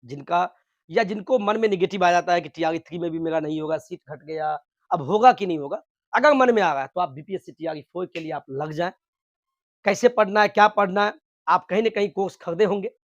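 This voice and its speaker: A man's voice: high voice, no echo, highs cut off. A man talking to teaching exam candidates, mixing news with earnest, repetitive motivational advice. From Bihar. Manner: earnest, exhorting, repeats phrases for emphasis.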